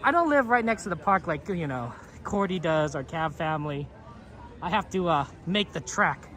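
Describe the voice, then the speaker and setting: Pitched on the high side and a bit bright, this livestream host sounds animated at a normal speed as he broadcasts from a theme park. His talk wanders, full of fillers and false starts as he reads out chat, amid surrounding crowd noise.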